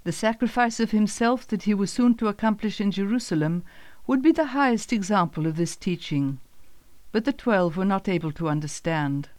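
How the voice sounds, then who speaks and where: A woman giving a calm, even scripted narration of a Bible story on a close microphone. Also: medium pitch, moderate pace, no echo.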